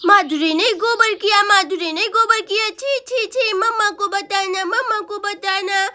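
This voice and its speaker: A woman's voice: very high-pitched, unhurried, pushed and bright, pitched above the performer's own voice, heavily acted. A woman voicing a small boy who whines and tattles in a wailing, childish way. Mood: whiny tattling.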